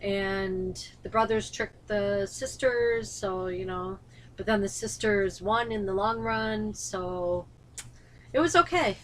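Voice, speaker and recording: A woman's voice: medium pitch, slow, slight background noise. A woman co-hosting a casual episode review chat, mostly answering with short agreeing replies. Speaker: podcast co-host.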